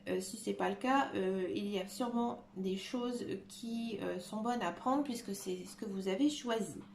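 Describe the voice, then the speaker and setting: A woman giving a tarot reading to her viewers, talking gently and hesitantly with many filler sounds. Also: mid-range voice, normal speed, gravelly. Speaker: tarot card reader. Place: room at home, dog nearby. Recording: echoey room with faint noise.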